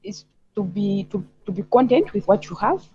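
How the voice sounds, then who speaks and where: Calling a live talk show, a Zambian woman talks conversationally about her views and personal experience at a moderate pace. Her medium-pitched voice is mellow yet slightly rough, with lively intonation, though the remote connection makes it sound a bit muffled, dull, and lo-fi.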